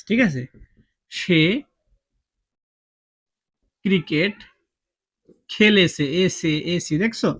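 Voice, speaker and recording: A man teaching English grammar, asking his students questions and repeating each point. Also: a little high. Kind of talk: classroom-style grammar lesson.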